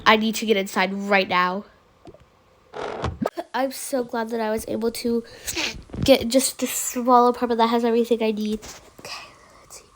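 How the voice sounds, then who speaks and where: Sick, high-voiced young role-player. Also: female voice, fairly even intonation, normal speed, pauses often, background noise. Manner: breathless, panicky. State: sick, coughing. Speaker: role-play channel creator. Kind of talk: toy role-play narration.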